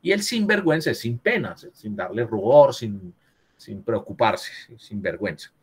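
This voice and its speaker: A man's voice, on the low side and edged with breathiness, carries lively intonation at a moderate pace. He is teaching writing in a virtual class via video call, correcting students and constantly asking "¿cierto?" to check in.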